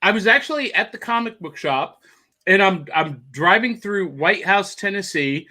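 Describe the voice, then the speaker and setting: The man's high voice is expressive, pushed, and bright, moving at a moderate pace. He co-hosts a casual video-call chat, rambling enthusiastically as he shows off what he found.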